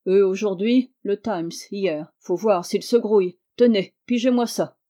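A woman narrator does a huge, suspicious male gatekeeper with coarse speech. The storybook lines come out louder, with a mellow, dark timbre. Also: medium pitch, a little slow, lightly acted. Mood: gruff.

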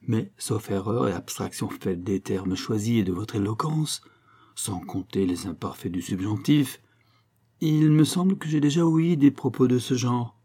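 A man's voice: on the low side, a little slow, warm tone, slightly rough. A man doing a fretful country priest. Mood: wary. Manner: worried, fussing. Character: fretful male country priest, cautious and fussy.

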